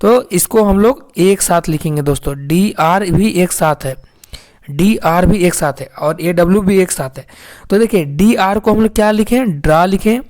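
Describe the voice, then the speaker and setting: A woman's voice: lowish voice, a little mellow. A woman teaching English phonics in a lesson video, repeatedly asking the viewers questions and answering them herself.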